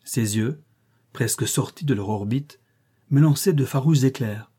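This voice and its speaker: A man reads a classic short story aloud in the first person, in a measured, literary manner. His voice is dark and warm, with a husky grain. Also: mid-range voice. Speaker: audiobook reader.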